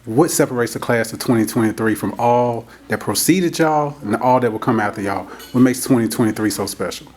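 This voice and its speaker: A man's voice: medium pitch, a little fast, few pauses, a little mellow. Male interviewer, friendly and folksy, newspaper editor talking to students. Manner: friendly, uses y'all, chuckles between questions. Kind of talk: casual interview.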